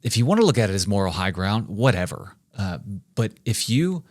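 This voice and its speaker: Man, 40s, emphatic podcast co-host; low voice, dry close recording. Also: big pitch swings, fairly quick, dry recording. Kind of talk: faith-based leadership discussion.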